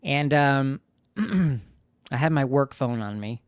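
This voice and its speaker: A man's voice: mid-range voice, lively intonation, slow, clear, resonant tone, no echo, studio quality. A man hosting a livestream, telling a long story in a rambling way with many fillers and restarts. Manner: rambling, many fillers and restarts, grows loud when reliving the shouting. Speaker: livestream host. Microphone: streaming studio mic.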